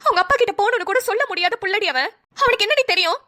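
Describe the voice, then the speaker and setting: A sharp-tongued old village mother from a family cartoon who scolds loudly but dotes on the baby, as a woman voices her. Her voice is very high and bright, and she nags dramatically. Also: expressive, racing, exaggerated voice. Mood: scolding. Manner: loud, nagging, dramatic. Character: scolding elderly village mother, blunt and caring. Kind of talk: cartoon voice acting.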